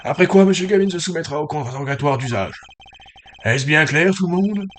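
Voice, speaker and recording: A man's voice: fairly high pitch, animated, fairly quick, fairly bright tone, a little hiss or hum, pitched above the performer's own voice. A stern, fussy old judge barks orders across the courtroom, as a man puts him on. He sounds commanding and a touch raised, like a game character.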